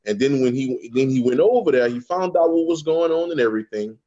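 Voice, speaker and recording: A man's voice: mid-range voice, lively intonation, brisk, warm tone, dull audio. A man in casual spiritual talk, profane, often repeating words and checking in with "okay?". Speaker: guest speaker on a spiritual panel.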